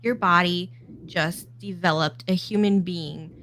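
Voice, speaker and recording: A woman's voice: fairly low pitch, steady tone, a little slow, fairly bright tone, slight background noise. A woman chatting casually and encouragingly as a guest mom, often laughing. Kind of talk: casual chat.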